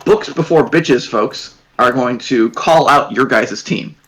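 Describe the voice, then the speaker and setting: A man's voice: medium pitch, fairly bright tone, rough recording. A man narrating as dungeon master, rambling and restarting his sentences. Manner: rambling, halting, many restarts. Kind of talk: narrating a tabletop game.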